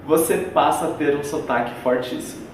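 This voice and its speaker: A man's voice: on the high side, normal speed, slight background noise. Brazilian man teaching in an echoey room. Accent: Brazilian Portuguese. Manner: didactic, spells out examples step by step. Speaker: English teacher. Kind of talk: explanatory video lesson. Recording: very echoey room, far from the mic.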